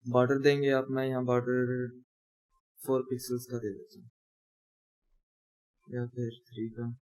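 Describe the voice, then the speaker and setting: In this screen-recorded coding tutorial, a young man narrates every step while typing and self-corrects as he goes. He speaks a little slowly in a monotone, mid-range voice that sounds a little mellow.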